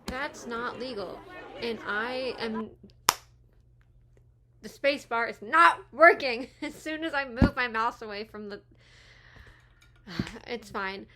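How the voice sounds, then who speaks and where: A woman in her twenties chats through a movie in a casual, giggly commentary and keeps going off on tangents. Her voice is bright and a little high. She is talking around new retainers. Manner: chatty, giggly, goes off on tangents.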